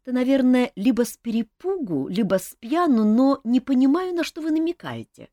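Woman reader doing a frank eager young gal, bouncy pitch, totally dry sound. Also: very animated, moderate pace, mellow, no echo. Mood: lively. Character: blunt, lively young woman. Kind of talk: audiobook character voice.

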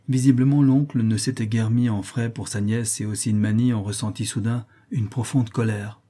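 A man narrating an audiobook in a measured, even reading. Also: lowish voice, breathy edge. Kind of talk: scripted narration.

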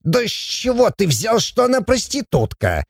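A man's voice: measured pace, creaky, slightly rough, no echo, clean studio sound, heavily acted. A man voicing a playful, sly shaggy male dwarf who teases and chatters in a raised voice. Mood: teasing. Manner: teasing, chattering, high and lively.

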